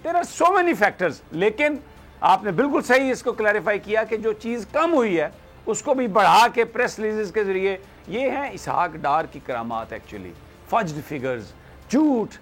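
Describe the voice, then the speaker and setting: A man's voice: high voice, sing-song, unhurried, fairly bright tone. A man giving heated political commentary as a guest analyst, slipping into English phrases. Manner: impassioned, switches into English phrases.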